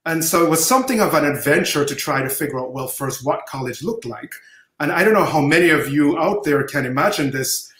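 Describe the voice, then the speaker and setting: A middle-aged man from Jamaica, a professor, answering interview questions over a video call with measured storytelling. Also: a little high, expressive, a bit bright. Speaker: guest professor. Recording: roomy video-call audio.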